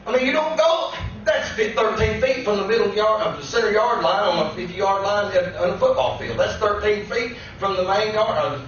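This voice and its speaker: A man preaching as a guest pastor. He tells a personal testimony that builds into shouted preaching. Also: high voice, moderate pace, few pauses, soft background music. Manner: storytelling that climbs into shouted preaching. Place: church sanctuary. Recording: echoey church room, distant dull mic.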